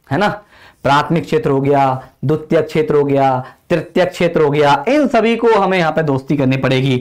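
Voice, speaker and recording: A man teaching a live online exam-prep class, energetic and coaxing, often pressing students for quick replies. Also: a little high.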